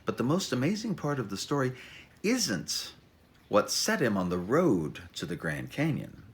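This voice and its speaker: An author introduces his own memoir in a mid-range, creaky voice, very animated throughout. He talks informally and reads with dramatic flair, breaking off mid-thought, dropping wry asides and leaning into theatrical emphasis.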